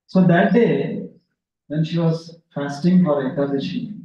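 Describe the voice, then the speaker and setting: A man tells a devotional story, acting out each character's lines, in a fairly high voice. He sounds a little way off from the mic in a very echoey room, and the recording is dull and lo-fi. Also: unhurried, dark tone, distant mic. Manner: vivid storyteller who acts out the dialogue of his characters. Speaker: devotional speaker.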